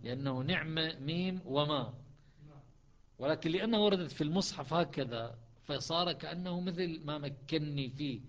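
Male Quran teacher, muffled recording. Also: fairly high pitch. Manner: explains step by step, breaks into slow chanted recitation. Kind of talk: classroom lesson on Quranic readings.

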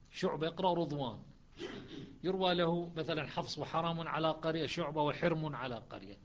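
A man teaching the variant readings of the Quran, chanting verses slowly and then explaining them in quick speech. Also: on the high side, a bit bright, muffled recording.

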